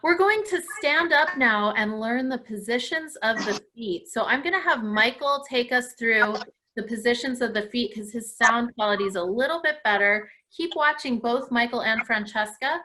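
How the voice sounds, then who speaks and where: In poor audio with a little hiss or hum, a woman hosts a live stretching lesson for kids watching from home. She's a dance class host whose slightly high voice sounds pushed and bright at a moderate pace, and she's encouraging and quick with praise.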